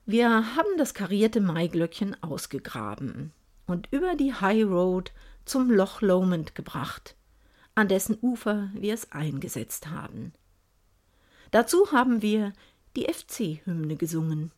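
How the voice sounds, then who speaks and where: A woman narrating a first-person story aloud in a lively, expressive manner. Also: medium pitch, slow pace.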